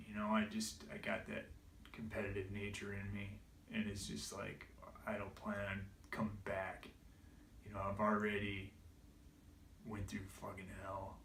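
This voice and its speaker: A man's voice: fairly low pitch, a bit bright, a little hiss or hum. A man telling an emotional personal story, tearful and laughing through it, his voice breaking. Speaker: vlogger. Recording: roomy echo, distant from mic.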